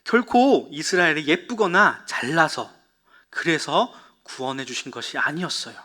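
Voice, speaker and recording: A man preaching to children in a fairly high, bright and forceful voice. He tells the story like a storyteller, asks the young listeners questions and answers them himself. At dramatic moments he sinks into a hushed whisper. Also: sing-song, normal speed. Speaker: Sunday school preacher.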